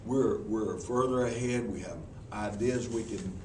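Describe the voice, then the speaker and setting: At a measured pace and in a lowish voice, a Southern US man answers interview questions before a group in a meeting room. He's a folksy, earnest professional speaker who frequently restarts what he's saying. Echo and noise fill the recording, and the mic sits far off.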